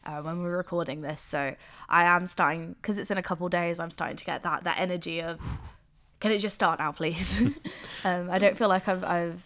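A woman's voice: fairly low pitch, steady tone, fairly quick, fairly bright tone. A young woman hosting a student podcast, chatty and friendly, laughing easily. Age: young adult. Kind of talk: casual interview chat.

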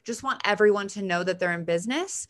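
A woman's voice: medium pitch, fast. A woman co-hosting a podcast in casual, enthusiastic conversation, recorded in a bathroom. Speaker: podcast co-host. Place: bathroom at home.

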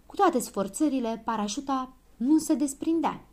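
A woman narrating a children's story in a lively, expressive reading. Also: high voice.

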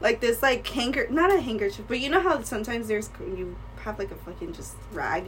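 A young woman with a slightly high voice tells a story on a casual podcast, swearing freely and laughing often. She sits a little back from the mic, with a faint hiss of room noise behind her. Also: brisk, recorded from a distance, rough recording. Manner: laughing, profane, animated storyteller. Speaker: podcast co-host.

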